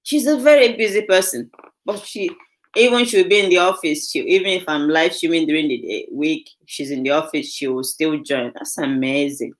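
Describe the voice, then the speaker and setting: A woman's voice: sits low, moderate pace. A young woman hosting a casual live stream, gushing with thanks to her viewers.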